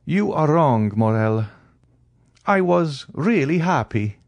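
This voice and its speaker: A man's voice: fairly high pitch, expressive, slow, vocal fry, dry recording, lo-fi sound, pitched above the performer's own voice, exaggerated voice. A man voicing a genial, worldly Count with courtly, formal phrasing and a hint of melancholy, in a classic novel audiobook. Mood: earnest.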